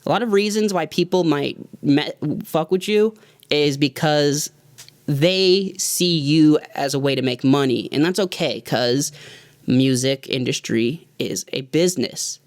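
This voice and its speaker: Here a man in his thirties, a music producer, shares an earnest, loosely rambling motivational reflection with viewers on his vlog. His pitch is fairly high and his pace measured. The sound is dry and studio-clean.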